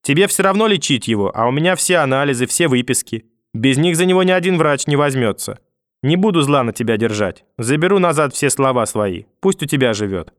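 A man's voice: mid-range voice, lively intonation, a little fast, dry recording, studio quality, close to an everyday voice. A man voicing a hysterical, manipulative old grandmother who wails, pleads and curses through a door in an audiobook reading. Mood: pleading threatening. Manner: wailing, pleading then cursing through a door.

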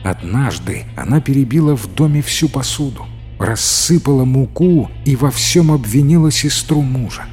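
Expressive male fairy-tale narrator. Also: medium pitch, moderate pace. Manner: expressive, dramatic storytelling. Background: faint music.

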